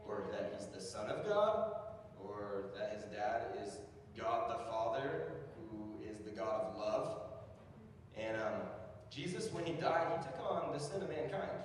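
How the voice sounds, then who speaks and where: A young man giving a casual, slangy youth sermon, building to loud emphatic peaks. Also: a little high, a little hiss or hum. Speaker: youth speaker. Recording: distant mic in a very echoey hall.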